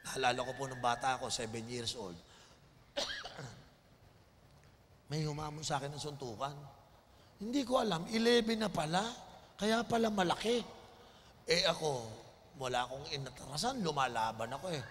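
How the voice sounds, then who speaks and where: A man preaching a storytelling sermon, animated, swinging from soft asides to shouts and laughing. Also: fairly high pitch, moderate pace, pauses often. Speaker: bishop, preacher. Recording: long hall reverb, faint noise.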